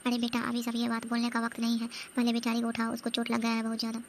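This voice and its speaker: A woman voices a cartoon's sharp-tongued mother-in-law. She speaks firmly and scolds in a fairly high, flat voice, with light noise behind it. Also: rapid-fire, close to an everyday voice. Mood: urging. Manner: firm and scolding. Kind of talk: cartoon comedy voice acting.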